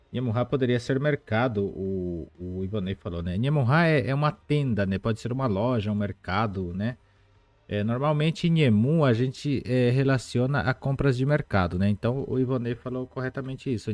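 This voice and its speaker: A man teaching a live online language lesson, explaining patiently and repeating words slowly, with chatty asides to viewers. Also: mid-range voice, a little mellow, dry recording.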